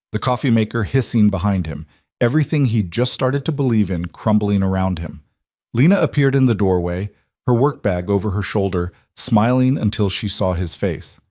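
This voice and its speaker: A man narrating a dramatic audiobook story in a grave, measured manner, close to a studio mic. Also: fairly low pitch, dark tone, no echo. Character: hurt, betrayed single father, Daniel.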